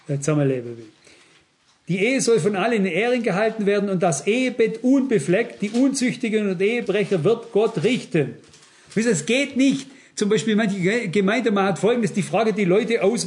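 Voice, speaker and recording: A man preaching a sermon to his congregation, often asking if they understand and acting out quoted dialogue. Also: high-pitched. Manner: addresses congregation directly, asks "versteht ihr?"; acts out quoted dialogue in lively asides. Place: church before a congregation.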